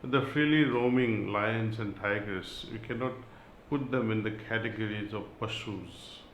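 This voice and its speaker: A man giving a spiritual talk and reading aloud, in a slow, measured way with long pauses. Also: lowish voice, roomy sound, a little hiss or hum, rough recording. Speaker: spiritual teacher.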